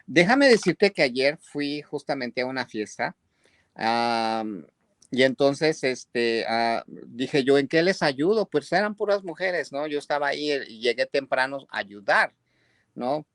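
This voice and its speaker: A man's voice: mid-range voice, expressive, a little slow, a bit bright, no room sound, clean studio sound. Chatty man hosting an interview. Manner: chatty storyteller with many "este" fillers. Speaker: host. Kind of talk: casual interview talk.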